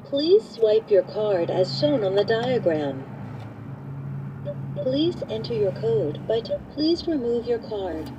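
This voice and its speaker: A recorded woman's voice of spliced-together prompts plays from a machine speaker some way off, slow and well spaced. Her pitch moves a lot between the pieces, and a steady noise sits under it. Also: muffled recording. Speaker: car wash payment machine voice. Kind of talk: automated instructions. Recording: distant noisy machine speaker.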